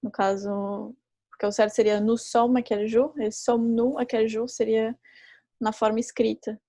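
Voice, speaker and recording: A woman teaching a live online class who explains patiently and repeats each example slowly. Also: a little high, flat delivery, warm tone, no room sound. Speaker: French teacher.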